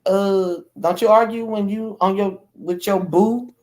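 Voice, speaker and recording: A woman in a casual chat as a guest, outspoken and animated, often restarting her sentences. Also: mid-range voice, measured pace.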